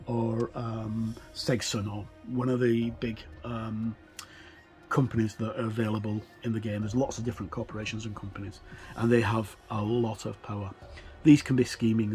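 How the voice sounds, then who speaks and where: Speaking with a darkish, mid-range voice, a middle-aged man narrates a game walkthrough off the cuff as a reviewer. His talk is halting and hesitant, with phrases that trail off.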